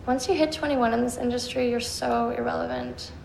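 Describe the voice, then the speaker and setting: A woman's voice: fairly high pitch, fairly even intonation, a little fast, vocal fry, a little mellow, reverberant, a little hiss or hum, rough recording. An actress playing a catty, gossipy young woman in the modeling industry, from a played-back clip. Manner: mocking, gossipy.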